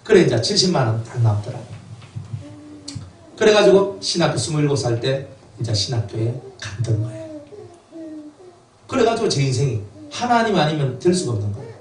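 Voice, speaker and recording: A man's voice: on the high side, big pitch swings, a little fast, long pauses, darkish tone, slight background noise. A middle-aged male pastor gives an emotional sermon, telling his own life story and acting out family quotes. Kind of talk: sermon with personal testimony. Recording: roomy, distant church mic with faint ambience.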